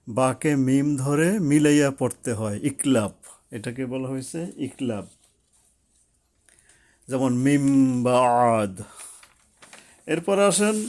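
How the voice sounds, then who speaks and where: A man with a mellow, warm voice, teaching a class at a board. He walks through each rule step by step, then goes back over it. His voice sits at a middle pitch. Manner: explains step by step, repeats rules.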